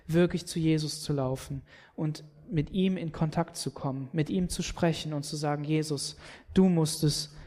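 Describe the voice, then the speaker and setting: A man's voice: fairly high pitch, fairly even intonation, normal speed, dark tone. A man preaching a sermon, retelling a scripture story and speaking earnestly, often repeating words as he presses his point.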